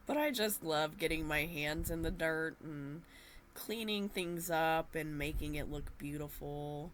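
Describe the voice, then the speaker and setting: Narrating a voice-over about her gardening, a woman speaks gently and slowly in an easygoing way, often pausing on small fillers. Her low voice has a slight nasal quality, as though she has a cold or allergies, and faint noise hums beneath the recording.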